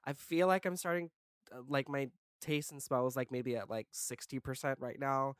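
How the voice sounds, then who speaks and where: Stuffed up from illness, this young podcast co-host chats casually and wanders off topic, filling his talk with "um" and "like." He speaks at a medium pitch in a steady, clear, resonant tone at a moderate pace, and there's no echo.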